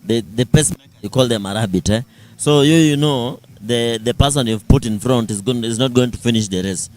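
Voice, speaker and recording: Male sports co-commentator, Kenyan accent, medium pitch, explanatory coach talking conversationally. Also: fairly quick, darkish tone.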